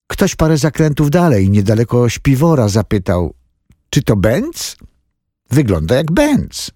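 A man reading a thriller audiobook as scripted narration, telling the story dramatically in a husky voice. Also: warm tone, no echo, clean studio sound. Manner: dramatic storytelling with wide swings in pitch.

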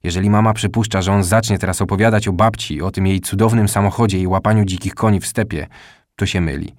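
A man reading a children's story aloud in calm, scripted narration. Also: low voice, fast talker, no room sound, clean studio sound. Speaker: audiobook narrator.

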